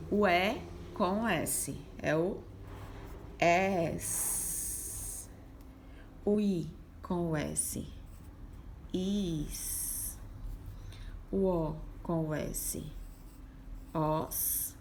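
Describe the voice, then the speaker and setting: A primary school teacher with a lowish voice speaks very slowly, pausing often, over slight background noise. She patiently walks young children through a worksheet step by step, sounding out syllables.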